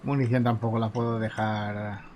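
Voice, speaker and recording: A man's voice: fairly low pitch, little pitch movement, normal speed, noisy background. A man casually commenting as he plays a video game, musing aloud to himself. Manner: musing aloud, chatty asides. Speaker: let's play host.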